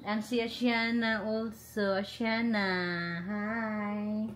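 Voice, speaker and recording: A woman in her thirties from the Philippines coos at babies in a sing-song baby-talk voice for a casual home vlog. Her voice is a little high, with a level tone and drawn-out words. She's indoors at the family home, in an echoey room with faint noise.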